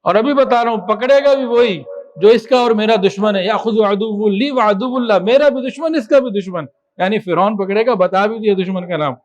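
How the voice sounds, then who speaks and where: A man preaching a sermon with passion, moving between soft explanation and loud emphasis. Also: high-pitched, muffled recording. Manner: impassioned, swings from soft to loud with chanted Quran recitation.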